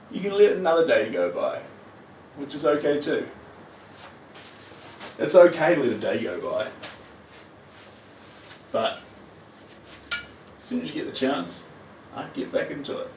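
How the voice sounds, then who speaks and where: A man's voice: fairly high pitch, big pitch swings, unhurried, long pauses, a little mellow. A man with a broad New Zealand accent chatting casually and encouragingly to viewers as he hosts a livestream. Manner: encouraging, reassuring. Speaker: livestream host. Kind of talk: casual livestream chat while working, replying to viewers. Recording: roomy, distant mic with faint noise.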